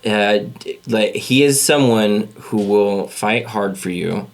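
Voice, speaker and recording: A man guest on a casual podcast, talking thoughtfully with some halting fillers. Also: fairly low pitch. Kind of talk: casual chat.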